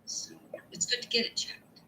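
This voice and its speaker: A woman's voice: moderate pace, bright, forceful tone, whispered, low-quality recording. A woman student answering in class, pointing to a passage in her textbook. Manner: refers to a textbook page. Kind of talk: class discussion.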